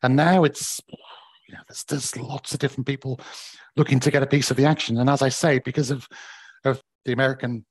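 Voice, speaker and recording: Croaky, hoarse man in an interview. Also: medium pitch, steady tone, fairly quick, no room sound, rough recording. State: voice recovering from bruised vocal cords. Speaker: property company managing director, interviewee. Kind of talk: conversational market update interview.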